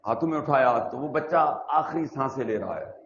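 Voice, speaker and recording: A man preaching a sermon in a mosque, swinging between loud emphatic calls and low hushed asides, and slowly chanting scripture verses. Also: animated. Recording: echoey mosque, dull lo-fi sound.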